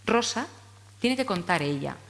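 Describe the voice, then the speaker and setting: Woman, conference lecturer, mid pitch, reverberant hall. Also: expressive, measured pace. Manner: explanatory, frequent tag questions. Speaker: speech therapy lecturer. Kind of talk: conference talk to teachers.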